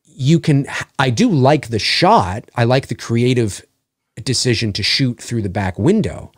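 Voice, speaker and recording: A man's voice: medium pitch, animated, measured pace, no room sound, studio quality. A man, a voice actor guest on a podcast, talking at length in casual chat, often restarting and groping for words. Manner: talkative, gropes for words and restarts mid-thought.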